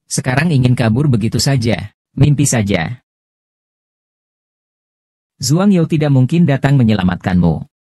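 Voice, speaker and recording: A man's voice: mid-range voice, mellow, no echo, studio quality. A man dubbing a cold, possessive young husband in a romance drama, speaking in a controlling way.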